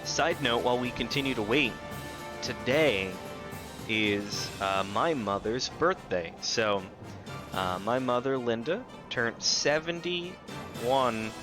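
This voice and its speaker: A thirty-year-old man livestreams a video game, chatting casually and ramblingly to viewers with a self-deprecating streak. His medium-pitched voice moves at a slow pace, with loud game music playing behind him.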